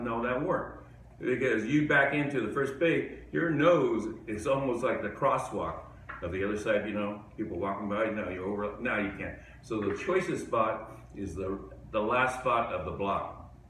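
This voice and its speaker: A man hosting a live comedy show in a rambling, digressive stand-up monologue with sudden high outbursts. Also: moderate pace, fairly bright tone, a little hiss or hum. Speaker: comedian host. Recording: echoey room from far off.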